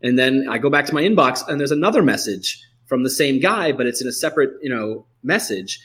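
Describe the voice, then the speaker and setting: A man's voice: medium pitch, expressive, a little fast, fairly bright tone. A man hosting a podcast, talking casually in a rambling way, full of "like" and "you know". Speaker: podcast host.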